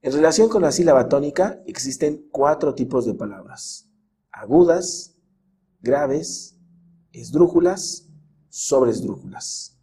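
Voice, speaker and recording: A man narrating a scripted grammar lesson as a teacher, in a measured way, drawing out the example words slowly. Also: on the high side, animated, mellow, husky. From Mexico.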